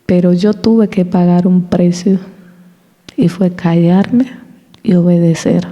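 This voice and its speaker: A woman giving a personal testimony in a church service, telling her story with lively acted-out dialogue and the occasional laugh. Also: on the low side, takes it slowly, dull audio. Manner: animated storytelling, acting out quoted dialogue; laughs between anecdotes. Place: church hall. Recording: long reverb of a church hall.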